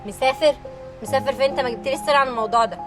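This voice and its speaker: A woman playing a sharp-tongued Egyptian mother. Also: high-pitched, echoey room, lightly acted. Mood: angry. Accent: Egyptian Arabic. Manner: sharp, quick retorts. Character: hot-tempered wife and mother, sharp-tongued. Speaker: actor. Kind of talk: scripted web family drama. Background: background music.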